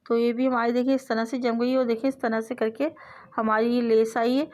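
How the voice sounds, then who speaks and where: A woman hosting a sewing tutorial, explaining each step patiently in a voice-over and repeating her phrases. She often lets her voice trail off softly at the end of a step. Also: fairly high pitch, flat delivery, a little fast. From South Asia. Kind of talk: instructional voice-over.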